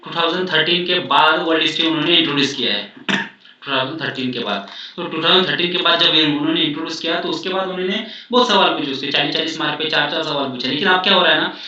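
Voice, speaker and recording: A male coaching teacher with a slightly high, bright, pushed voice rattles off study advice rapid-fire, repeating himself reassuringly and often slipping in English phrases. The recording sounds dull and echoey, picked up by a distant mic.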